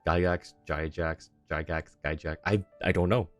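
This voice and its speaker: A deep-voiced man, tired and streaming a game late at night, talks at a normal pace with faint music behind. His chat about the gameplay is casual and mumbled, and he reads game text aloud.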